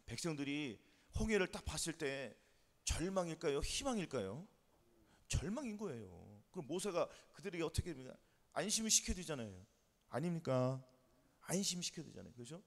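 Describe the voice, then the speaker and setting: A man preaching a sermon as pastor, telling a story with lively questions to the congregation. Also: a little high, a little fast. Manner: animated storytelling with call-and-response questions. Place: church sanctuary. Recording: long church hall reverb.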